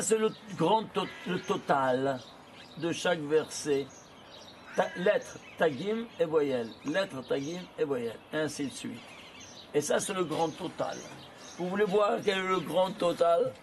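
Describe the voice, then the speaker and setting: A man giving an animated lesson, asking questions and answering them himself in rapid bursts. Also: high voice, slight background noise. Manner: animated, asks and answers his own questions. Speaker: Torah teacher. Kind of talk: lively lesson on gematria.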